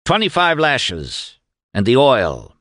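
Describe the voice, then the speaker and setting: A man's voice: medium pitch, wildly swooping pitch, slow pace, a bit bright, no echo, clean studio sound, pitched above the performer's own voice, exaggerated voice. An actor playing a cold male interrogating officer who barks short questions and then coaxes slyly, in a storybook reading. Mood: curt. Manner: curt, then coaxing and sly.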